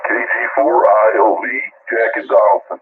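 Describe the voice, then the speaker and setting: A man's voice: lowish voice, moderate pace, husky. Male amateur radio operator, terse check-in, mistuned ham radio sound, very narrow band. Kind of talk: terse radio check-in with spelled-out call sign.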